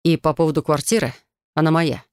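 A woman's voice: low-pitched, steady tone, fairly quick, dry recording, studio quality, close to an everyday voice. A woman reading an audiobook, voicing a cold, contemptuous husband who talks bluntly and scornfully. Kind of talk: audiobook character voice.

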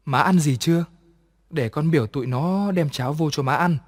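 A cruel, two-faced young daughter-in-law, put on by a male narrator gives sharp, bossy orders in an audio horror story. The voice is pushed higher than his own, with a long reverb behind it. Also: normal speed, natural voice. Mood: sweet.

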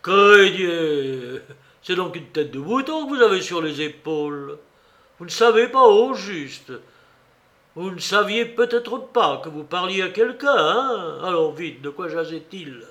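A sly old peg-legged ship's cook, put on by a man reading the story aloud. He booms and blusters in loud, theatrical bursts, his voice sitting fairly high. A radio reading of an adventure tale. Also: animated, takes it slowly. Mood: scornful. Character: gruff one-legged old male sea cook, cunning and blustering.

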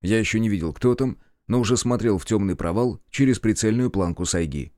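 A man reads a first-person audiobook in a calm, measured way. His voice sits fairly low. The sound is close and dry. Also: no echo. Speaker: audiobook narrator.

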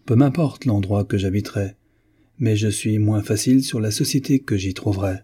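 A man's voice: fairly low pitch, normal speed, dark tone, husky. A man voicing a rude, idle young aristocrat who talks bluntly and carelessly, swearing freely. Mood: languid.

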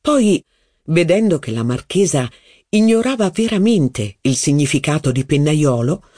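An audiobook narrator giving an expressive, scripted reading of a classic novel on a close studio mic. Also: mid-range voice, husky, no echo.

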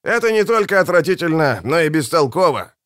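A man doing a gruff, scornful warrior. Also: very animated, fairly quick, a bit bright, no echo, studio quality. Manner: blunt, rumbling. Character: gruff, tiger-eyed male warrior, scornful.

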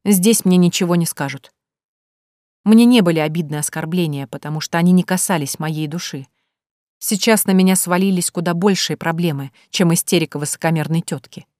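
A woman reading a first-person fantasy audiobook in an expressive, tense way. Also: lowish voice, brisk, no echo, clean studio sound. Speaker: audiobook narrator.

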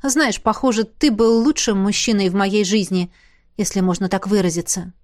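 Audiobook: blunt, commanding young woman, read by a female narrator, brisk delivery. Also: mid-range voice, darkish tone, natural voice. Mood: dry. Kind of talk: audiobook reading.

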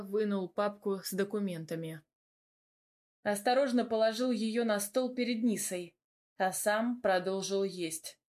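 A woman narrating a first-person audiobook in an even, measured storytelling voice. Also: mid-range voice.

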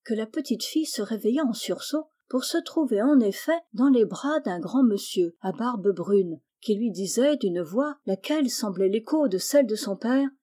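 Woman, audiobook reader, storybook narration, warm dark tone, livelier for children's dialogue. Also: on the high side, lively intonation, moderate pace, hardly any pauses.

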